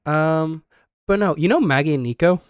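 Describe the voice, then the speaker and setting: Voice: mid-range voice, normal speed, clear, resonant tone, dry recording. A streamer recounts their roleplay adventure in a loose, rambling way, full of ums and little jokes at their friends' expense. The voice sits in a middling register and is recorded close and dry on a desk mic. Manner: rambling, filler-heavy, teasing. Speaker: streamer recapping a roleplay story. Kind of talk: casual roleplay storytelling.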